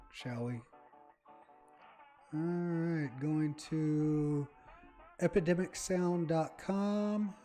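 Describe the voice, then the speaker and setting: A man rambles through his game, chatting to his viewers as he plays. His voice sits a bit high and has a mellow tone. Faint music plays underneath. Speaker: gaming channel host. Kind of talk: casual let's-play commentary.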